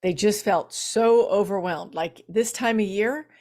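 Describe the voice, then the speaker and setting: A woman's voice: mid-range voice, unhurried. Chatty woman hosting a live stream. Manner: chatty, warm-up small talk with fillers and soft laughs. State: losing her voice. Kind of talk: casual live-stream talk.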